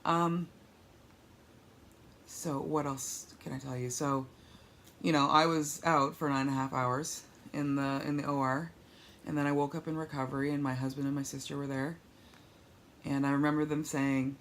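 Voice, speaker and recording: A woman's voice: extremely low pitch, level tone, normal speed, a little hiss or hum. A woman, weak and sore after surgery, talking in a rambling, candid, wry way in a casual video diary recorded on a handheld tablet at home. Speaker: patient vlogger recovering from surgery. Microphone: tablet held overhead while lying down.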